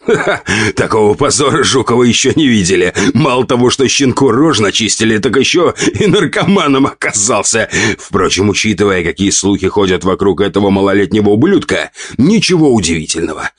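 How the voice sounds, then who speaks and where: A man's voice: fairly low pitch, no echo, studio quality, pitched above the performer's own voice. A man voicing a crude, irritable count of 48, growling and contemptuous.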